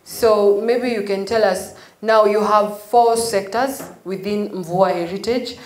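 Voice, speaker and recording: A woman's voice: medium pitch, steady tone, slow pace. A woman with a Kenyan accent interviewing a guest in a conversational way. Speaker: interviewer, host. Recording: echoey room.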